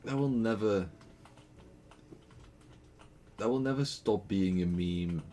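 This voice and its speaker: A young streamer from the Netherlands, speaking with a Dutch accent, jokes and rambles while gaming and laughs a lot. His low, dark voice moves at a normal speed, and there's a little hiss or hum in the audio.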